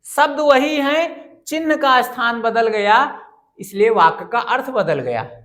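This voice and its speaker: A woman's voice: a little high, lively intonation, slow pace, a bit bright. A woman teaching a grammar lesson, patiently explaining step by step and repeating examples.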